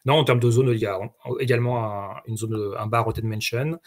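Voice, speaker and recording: A man's voice: medium pitch, fairly even intonation. A man chatting as a guest on a live stream, eagerly listing many details. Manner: rapid, packed with details. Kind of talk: casual live-stream chat.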